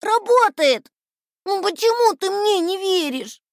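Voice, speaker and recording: A man's voice: sing-song, takes it slowly, a bit bright, dry recording, studio quality, exaggerated voice. A man voicing a stubborn, hot-tempered wooden puppet boy who pleads and protests. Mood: defiant. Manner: shrill, pleading and defiant.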